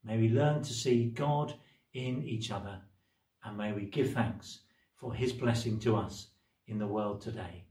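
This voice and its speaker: A man's voice: lowish voice, measured pace, warm tone. A man giving a solemn, prayerful recorded blessing as a bishop, his voice carried by a roomy cathedral echo. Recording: roomy echo, distant mic.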